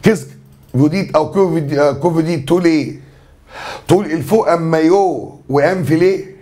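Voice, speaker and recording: A man's voice: on the high side, a little fast, dark tone. A man with an Egyptian accent, a French teacher going through exam answers in a chatty, joking way. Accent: Egyptian Arabic. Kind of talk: exam review lesson.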